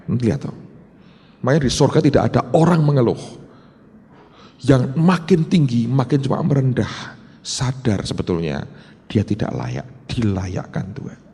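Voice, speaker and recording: A pastor delivers his sermon, his gravelly voice leaping between high, loud cries and low, hushed asides. The sound rings with the long reverb of a large hall. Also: animated, moderate pace, pauses often. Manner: storytelling, swings from shouts to hushed whispers, slips into Javanese.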